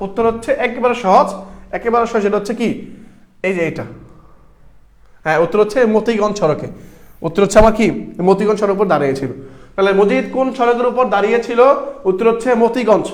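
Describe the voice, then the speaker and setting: High-voiced young male tutor. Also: fast. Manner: repeats questions and answers, addresses students as brothers. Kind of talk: exam-prep class lecture.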